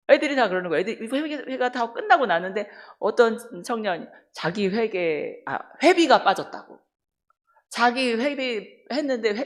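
A middle-aged woman pastor giving a sermon, telling a personal story and acting out the people in it. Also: mid-range voice. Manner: animated storytelling, acts out quoted dialogue.

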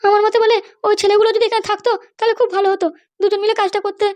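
A woman's voice: very high-pitched, little pitch movement, racing, darkish tone, no room sound, voice pushed up. A woman voicing an anxious, pleading middle-aged mother in a cartoon, fretful and insistent. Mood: worried. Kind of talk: cartoon voice acting.

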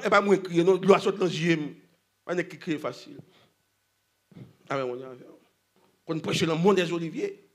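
A preacher with a high, bright voice delivers a sermon at a church convention. He swings from loud shouting down to hushed, quiet storytelling, calling back to the congregation.

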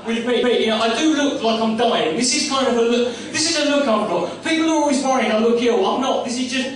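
A man's voice: very high-pitched, fast talker. A man doing a stand-up routine, brash and profane, mocking himself. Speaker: stand-up comedian. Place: comedy club stage. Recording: echoey live room from far off, crowd. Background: audience laughter.

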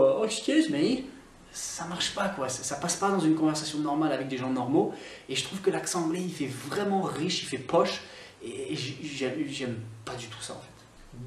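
With a slightly high voice, this English teacher from Scotland vents on camera for his online vlog, playfully mock-serious and stumbling through fillers and restarts as he airs his opinions. The mic sits at a distance, giving a roomy sound with slight background noise.

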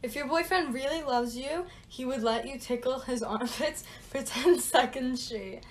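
A woman's voice: high-pitched, a little slow. A young woman talking in a playful, casual way for a challenge video, giggly and teasing.

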